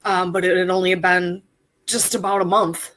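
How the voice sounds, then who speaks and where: A woman in her thirties, a coaching client, telling her story in a chatty, animated way with lots of fillers. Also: fairly low pitch, normal speed. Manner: chatty, animated storyteller, squeals when quoting herself. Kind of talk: casual storytelling interview.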